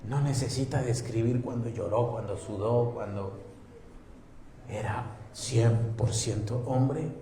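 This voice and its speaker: A man with a Mexican accent preaching a sermon as pastor, moving between loud emphatic passages and soft hushed ones. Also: medium pitch, takes it slowly, echoey room, noisy background. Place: church.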